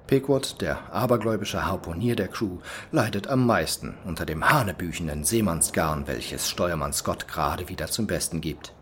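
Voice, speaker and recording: A man narrating a scripted adventure audio drama like an expressive, conversational storyteller. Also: low-pitched, normal speed, hardly any pauses, slight background noise.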